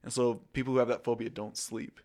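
A man on a podcast as a guest, talking casually with a dry, dark sense of humor. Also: medium pitch, level tone, brisk.

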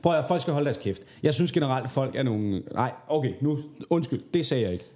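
A man's voice: mid-range voice, animated, warm tone. A man in casual podcast chat as co-host, blunt, opinionated and sweary.

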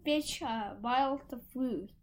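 A woman's voice: sits high, slow pace, a little hiss or hum, pitched above the performer's own voice. Woman putting on a sly wicked stepmother. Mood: sly coaxing. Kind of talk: storybook reading.

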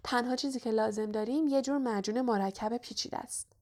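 A woman narrator voicing a clever, cautious young schoolgirl witch who speaks in a hushed, knowing way. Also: fairly high pitch, lightly acted.

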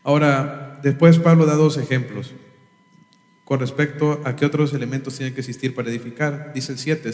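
Pastor preaching in an echoing church. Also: male voice, medium pitch, a little mellow. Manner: emphatic, rhetorical questions, imitates instrument sounds. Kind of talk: sermon. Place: church sanctuary. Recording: echoey hall, reverb.

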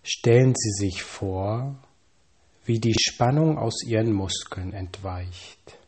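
A man calmly reading scripted guided relaxation instructions, with measured pauses and slow counting. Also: fairly low pitch, slightly rough.

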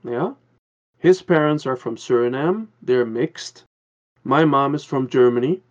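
A man's voice: medium pitch, unhurried, darkish tone, muffled recording. A man from the Caribbean, a guest on a podcast, talking in an earnest, rambling way with many restarts. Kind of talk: casual podcast conversation.

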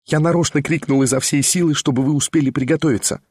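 A jittery, excitable young schemer, put on by a male reader pours out his words in a quick, lifted voice. He chatters and presses on without pause. The sound is dry and close. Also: on the high side, breathy edge, no echo. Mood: eager, chattering. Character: eager fast-talking scheming young man.

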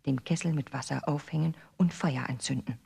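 A woman narrating a fairy tale in a measured, expressive storybook reading. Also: very deep voice, vocal fry, slightly rough.

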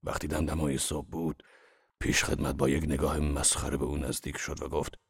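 A male audiobook reader voicing a mournful, sly aging gangster who speaks slowly and quietly, with a husky, gravelly tone. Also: extremely low pitch, level tone, voice pushed down, exaggerated voice.

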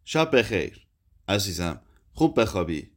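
A calm, heavy drunk man answers quietly and gently, trying to soothe, voiced by the narrator reading the story aloud. His lines sit low and soft in an audiobook reading. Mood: placating.

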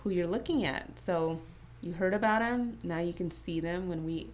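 A woman's voice: on the low side, moderate pace, a little hiss or hum. A young adult woman co-hosting a podcast, giggling and bantering casually. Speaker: podcast co-host. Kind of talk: casual chat.

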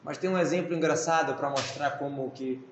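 A man's voice: fairly high pitch, brisk, echoey room, slight background noise. A man with a Brazilian Portuguese accent teaching the weekly Torah portion, explaining Hebrew terms and asking himself questions. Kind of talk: Torah lesson.

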